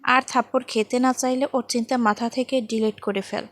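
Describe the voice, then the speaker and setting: A woman's voice: a little high, fairly even intonation, moderate pace, fairly bright tone, lightly acted. A woman voicing a stern, protective young man who answers with clipped threats in a storybook reading. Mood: threatening. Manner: clipped, threatening through clenched teeth.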